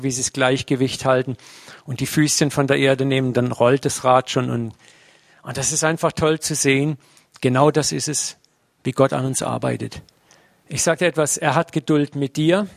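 A man's voice: fairly high pitch, vocal fry, no echo, clean studio sound. A man preaching a sermon in a conversational way, often tagging his sentences with a questioning "ne?". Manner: conversational, uses tag "ne?" often.

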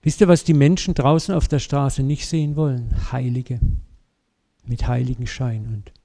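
A man preaches a sermon, telling a story full of lively, vivid asides and addressing his congregation directly. His mid-range voice is gravelly, and he speaks at a moderate pace.

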